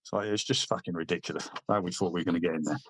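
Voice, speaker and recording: This low, slightly rough voice belongs to a middle-aged man from Britain, an army veteran appearing as a podcast guest. He races through laddish stories with plenty of swearing, performing the quoted lines himself, and there's no echo.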